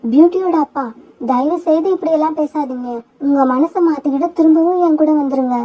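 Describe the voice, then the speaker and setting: A woman's voice: high-pitched, a little fast, natural voice. A woman voicing a heartbroken mother sparrow who pleads with her husband in a grieving tone in a cartoon. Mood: pleading. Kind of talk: cartoon voice acting. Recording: dull lo-fi sound.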